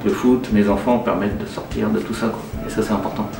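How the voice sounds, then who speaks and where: This interviewee, a head chef at a care home, is a Nantes man in his forties describing his job in an informal, straightforward way. He speaks fast in a lowish, steady voice, far from the microphone, with the roomy recording letting music come through clearly over him.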